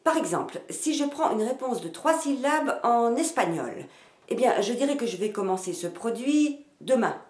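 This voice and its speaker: A woman teaching phonetics in a slow, deliberate scripted narration, demonstrating intonation and stress with varied emphasis. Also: on the high side, animated, darkish tone. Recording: roomy echo.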